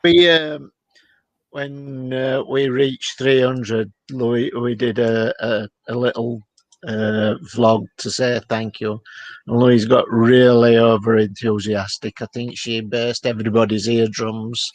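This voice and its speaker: Bloke chatting on a livestream, average pitch, dry sound. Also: male voice, level tone, slow, no echo. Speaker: live stream co-host. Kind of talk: casual chat.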